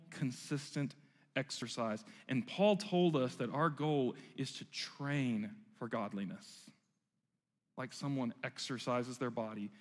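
A man's voice: medium pitch, sharp tone, big-room sound. A male pastor giving a sermon in a church, conversational and self-deprecating. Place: church sanctuary.

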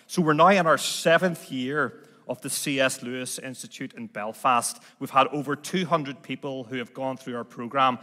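Northern Irish man, bright voice, big hall. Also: mid-range voice. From Northern Ireland. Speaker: visiting ministry leader, guest speaker. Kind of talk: guest address to a church congregation. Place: large indoor church, speaking from a stage. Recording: church hall with long reverb.

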